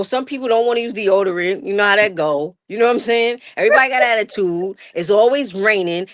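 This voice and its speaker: A woman's voice: mid-range voice, no room sound, studio quality. A middle-aged woman with a New York accent, a guest artist telling stories in a casual interview, laughing often and using slang. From Brooklyn, New York. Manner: laughs often, animated storytelling with slangy talk.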